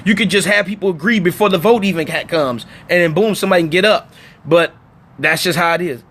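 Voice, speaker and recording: Animated high-voiced man streaming live. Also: fast, a little hiss or hum. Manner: animated, emphatic, talks to viewers directly. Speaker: livestream host. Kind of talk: casual political livestream chat.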